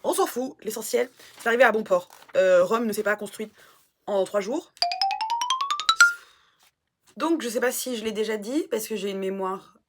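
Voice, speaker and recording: A woman vlogger in casual chat, animated and self-mocking, swearing now and then. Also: medium pitch, moderate pace, pauses often, over music.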